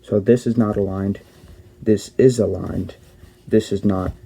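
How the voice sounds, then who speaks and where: A man's voice: fairly low pitch, steady tone, unhurried, gravelly, dark tone, slightly rough. A young man hosting a casual step-by-step tutorial, explaining plainly and often correcting himself mid-sentence. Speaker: cube tutorial host.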